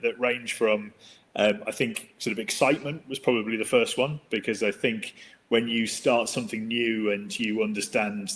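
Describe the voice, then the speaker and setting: A man's voice: lowish voice, fairly bright tone, a little hiss or hum. A man, a marketing executive, answering an interview question hesitantly with many restarts. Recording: long hall reverb.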